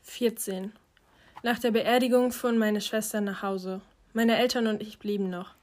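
A woman narrating a first-person audiobook. She reads in a quiet, reflective way, and her voice sits at a medium pitch. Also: steady tone, moderate pace.

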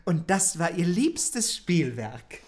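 A man's voice: high voice, very animated, takes it slowly, darkish tone. A man co-hosting a podcast, reading a fairy tale aloud in a playful, chatty way and jumping in with asides. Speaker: podcast co-host.

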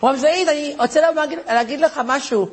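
A rabbi putting on an apologetic caller. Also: male voice, extremely high pitch, voice pushed up. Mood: polite, hesitant. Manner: broken Hebrew mixed with English, apologetic. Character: polite American man from Miami, halting Hebrew.

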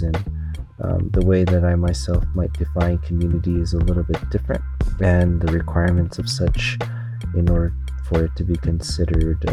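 A man with a very deep, gravelly voice introduces his guest in a flat, even tone, loose and full of fillers. Loud guitar music plays beneath him the whole time. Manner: loose, hesitant, filler-heavy. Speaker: podcast host. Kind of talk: spoken introduction. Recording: music playing under the voice.

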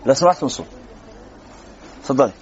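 A man's voice: mid-range voice, lively intonation, fast talker, dull audio, a little hiss or hum. A man with an Egyptian Arabic accent giving a religious lesson to a class, talking conversationally and answering students' questions. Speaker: sheikh teaching a religious lesson.

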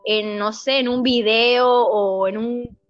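Young Mexican woman, podcast guest; animated, expressive storyteller. Muffled lo-fi audio with a faint music bed. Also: fairly high pitch, slow pace. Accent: Mexican Spanish. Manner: animated and expressive, acts out quotes. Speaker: podcast guest, singer and dubber. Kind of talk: casual chat. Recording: dull lo-fi sound, faint music.

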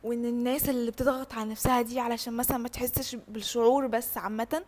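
A woman's voice: on the high side, steady tone, racing, darkish tone. A young woman with an Egyptian Arabic accent, talking informally in a group chat. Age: young adult. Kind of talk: casual animated group chat.

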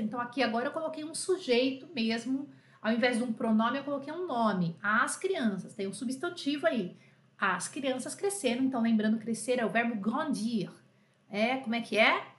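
A woman's voice: on the high side, fairly bright tone, reverberant. A Brazilian woman teaching a live French lesson in a chatty, affectionate way, often checking in with her students. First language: Portuguese.

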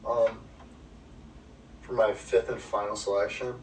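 A man's voice: fairly low pitch, little pitch movement, unhurried. A man co-hosting a casual podcast chat, laid-back and hesitant, with lots of ums and uhs. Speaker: podcast co-host. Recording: roomy, distant mic, faint background hum.

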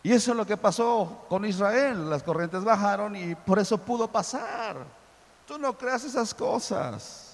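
A man voicing a skeptical atheist father who explains things away in a lower, flat tone. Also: measured pace, long reverb tail, full character voice. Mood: dismissive.

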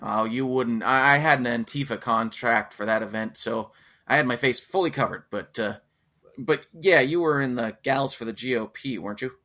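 An awkward, friendly man who stammers and laughs nervously as he chats, played by a man in his own voice. The tone is bright and forceful. It is a comic play read aloud. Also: medium pitch, normal speed, natural voice. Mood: sheepish.

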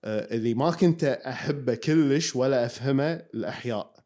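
A man co-hosting a podcast, telling stories in an animated, joking way. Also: mid-range voice. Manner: quick, animated storytelling, joking. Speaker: podcast co-host. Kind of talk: casual chat.

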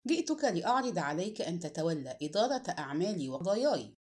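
A woman voicing a calm, dignified male notable who speaks with steady, quiet indignation. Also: on the low side, fast. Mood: calm indignant.

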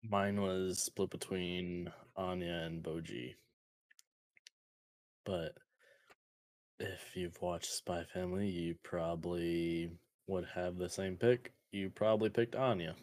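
A man's voice: low-pitched, steady tone, slow pace, darkish tone, dry recording. A man co-hosting a podcast, chatting in a laid-back, sleepy way. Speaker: podcast co-host. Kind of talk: casual chat.

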